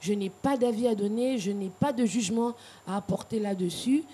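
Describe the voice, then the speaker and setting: A woman's voice: mid-range voice, fairly quick, dark tone, husky. Frank woman guest on a TV set. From Cameroon and Gabon. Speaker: guest singer. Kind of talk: TV studio interview.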